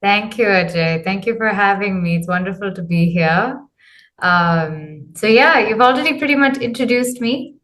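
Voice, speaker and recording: A woman's voice: mid-range voice, normal speed, fairly bright tone. Hesitant woman coach from Zambia. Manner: hesitant, many ums and uhs. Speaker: guest, men's clarity coach. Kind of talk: casual interview answers.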